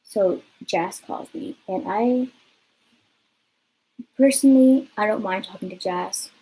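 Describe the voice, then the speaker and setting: Speaking slowly in a medium-pitched, dark and slightly rough voice, a young vlogger from California wanders through a personal story. She's chatty, with lots of filler words and cursing. The recording is low quality.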